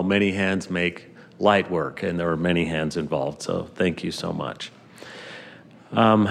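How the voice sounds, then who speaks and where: A middle-aged American man with a gravelly, hoarse voice, giving church announcements as bishop in a measured, courteous, formal way. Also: deep voice. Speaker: bishop conducting a church service. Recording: long hall reverb.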